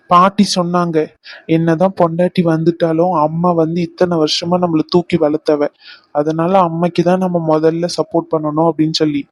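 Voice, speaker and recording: A man's voice: a little high, no room sound. Brief: man, earnest family-drama cartoon voice, dry booth sound. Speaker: voice actor for male family members.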